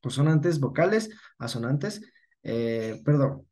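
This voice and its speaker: A man's voice: mid-range voice, sing-song, slow pace, warm tone. Patient male teacher, Ecuadorian Spanish. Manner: patient, corrects himself often, checks with "¿sí?". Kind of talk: online class lesson.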